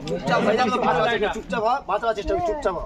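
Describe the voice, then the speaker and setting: A man's voice: high voice, rapid-fire. A man outdoors at a railway station, giving urgent instructions over and over while helping rescue a snake. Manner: repeats short commands. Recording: loud crowd, voice from far off. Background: crowd of onlookers.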